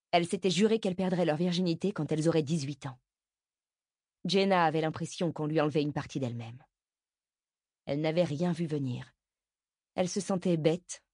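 A woman reading a novel aloud as audiobook narrator, steady and measured. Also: low voice, no echo, studio quality.

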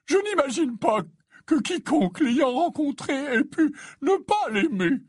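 A man's voice: very high voice, huge pitch swings, takes it slowly, a little mellow, no room sound, studio quality, pitched above the performer's own voice, full character voice. Slughorn, a man doing a flustered stammering old wizard. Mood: tearful. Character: fussy emotional old male wizard teacher. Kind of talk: audiobook character voice.

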